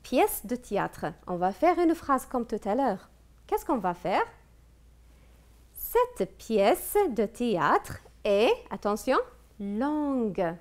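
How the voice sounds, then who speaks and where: Woman teacher doing a tv review lesson, slow patient questions, pitch goes all over. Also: very animated. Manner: slow, patient, asks questions and praises answers. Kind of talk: televised classroom review lesson.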